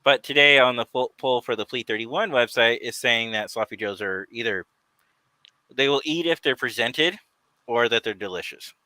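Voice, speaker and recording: Bright, dry-sounding man chatting casually. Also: mid-range voice, normal speed, dry recording, low-quality recording. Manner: rambling, laughs often. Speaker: podcast co-host. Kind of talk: casual chat.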